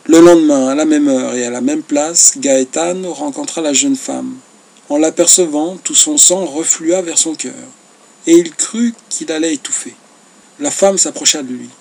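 A man narrating a classic novel as an audiobook in a measured, expressive reading. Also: fairly high pitch, vocal fry.

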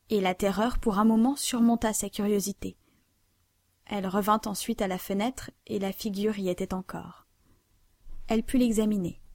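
A woman reads a classic novel aloud at a measured, steady pace. Her voice is mellow and warm. The sound is dry and close to the mic. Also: mid-range voice, no echo. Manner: measured, even literary reading. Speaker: audiobook narrator. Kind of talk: scripted narration of a classic novel.

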